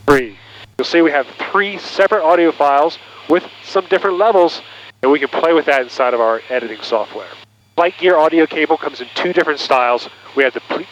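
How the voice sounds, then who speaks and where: A man's voice: medium pitch, a bit bright. A man giving a casual product demonstration, heard through cockpit intercom audio from an aviation headset mic in a small aircraft cockpit, explaining in a plain, friendly way. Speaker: product presenter. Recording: dull lo-fi intercom with faint noise.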